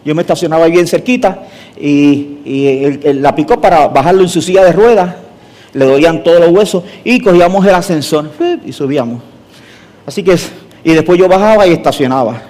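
Middle-aged male pastor, slightly high voice, dramatic sermon storyteller. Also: brisk. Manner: theatrical, animated storyteller.

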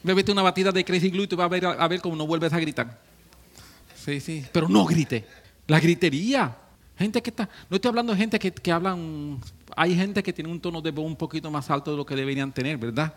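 Animated preacher, a man. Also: a little high, fairly quick. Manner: animated preaching, swinging from hushed to shouting with joking asides. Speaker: pastor. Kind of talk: sermon.

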